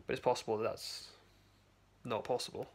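A man's voice: medium pitch, fairly even intonation, brisk, gravelly, husky. A young man chatting casually to a phone camera in his home basement, rambling with many restarts and fillers. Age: young adult. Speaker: vlogger. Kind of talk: casual video diary. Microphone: phone camera held close.

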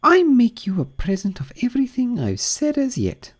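A man voicing an ugly, chummy old noblewoman who finds a moral in everything, in a high, drawn-out, sing-song voice. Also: huge pitch swings, exaggerated voice. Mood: gushing, moralizing.

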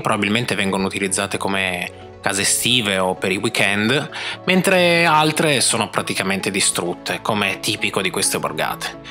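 A man's voice: on the low side, pushed and bright. A man giving scripted voice-over narration for a travel vlog.

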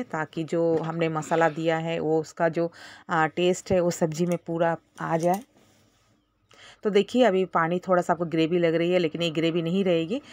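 A woman's voice: fairly low pitch, no echo. A woman narrating a casual cooking tutorial for her channel, explaining each step in a chatty way with small fillers. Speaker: cooking vlogger.

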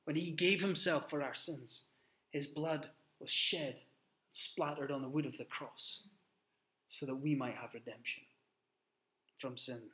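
A man's voice: fairly high pitch, steady tone, pushed and bright. Earnest man preaching to a webcam. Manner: earnest, emphatic preaching with pauses and restarts. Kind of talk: sermon. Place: small plain room indoors.

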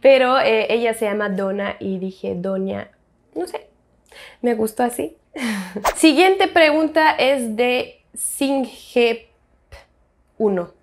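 Woman, twenties, from France, native French speaker, casual Q&A vlog, self-deprecating, slightly high pitch. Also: expressive, slow pace, pauses often. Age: 20s. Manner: chatty and self-deprecating, reads viewer questions aloud. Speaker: YouTube vlogger.

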